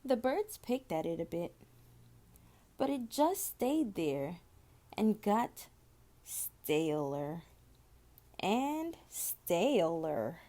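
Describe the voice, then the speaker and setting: A woman reading a children's story aloud, with deliberate, expressive phrasing and drawn-out words. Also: fairly low pitch. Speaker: storybook reader.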